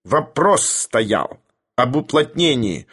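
A man's voice: mid-range voice, very animated, takes it slowly, a bit bright, slightly rough, exaggerated voice. A man voicing a resentful, combative house-committee chairman who speaks with pushy indignation. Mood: indignant. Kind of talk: audiobook character voice.

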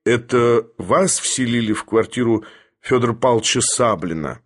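A man voicing a haughty older professor who speaks in an imperious, lecturing, deliberate manner. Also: medium pitch, lightly acted. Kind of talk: audiobook character voice.

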